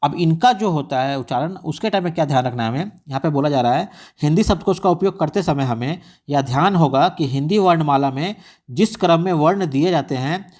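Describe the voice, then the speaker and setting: A man explaining exam material at a brisk, rapid clip. His voice sits a little higher than most men's. He keeps throwing in rhetorical questions and English terms. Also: darkish tone. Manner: repetitive rhetorical questions, mixes English words. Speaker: exam tutor.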